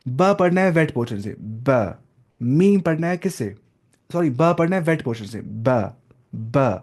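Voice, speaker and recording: A young man gives a relaxed classroom lesson on recitation. He explains step by step, asks his listeners questions and sounds out each letter to show how it should be said. His pitch sits in an ordinary middle range. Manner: explains step by step with questions and demonstrations, mixing in English words. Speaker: Quran recitation teacher.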